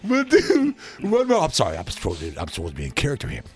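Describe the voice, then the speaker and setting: A man's voice: fairly high pitch, huge pitch swings, quick pace. A man hosting a comic radio call-in show, boisterous and wisecracking. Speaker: radio host.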